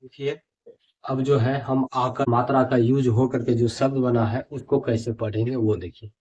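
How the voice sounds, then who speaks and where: A man teaching at a board, reading each word aloud twice in a drawn-out, emphatic way. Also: medium pitch, level tone, darkish tone. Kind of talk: board lesson, reading words aloud slowly. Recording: dull lo-fi audio.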